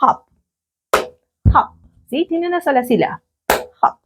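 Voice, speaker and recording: A woman with a Latin American Spanish accent teaching an English grammar lesson, slow and patient, often checking in with questions. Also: high-pitched, expressive, noisy background. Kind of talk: recorded classroom lesson.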